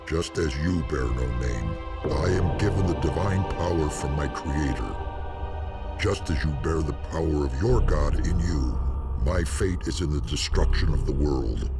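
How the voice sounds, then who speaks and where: Dragon servant of darkness, rock-bottom pitch, archaic formal delivery, menacing, fantasy game, clear music behind. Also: male voice, full character voice. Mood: scornful. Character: ancient male undead dragon, arrogant servant of darkness. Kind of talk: scripted fantasy game voice acting.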